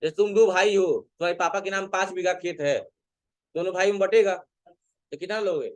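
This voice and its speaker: High-voiced man teaching a class. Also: normal speed. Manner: asks students questions and answers them himself. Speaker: computer teacher. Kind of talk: classroom lecture.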